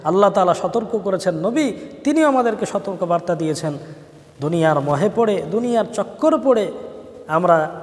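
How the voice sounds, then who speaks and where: A male preacher with a high voice delivers a sermon in a rising and falling cadence, drawing words out for emphasis. He breaks into chanted Arabic verses. A long hall reverb trails behind every phrase.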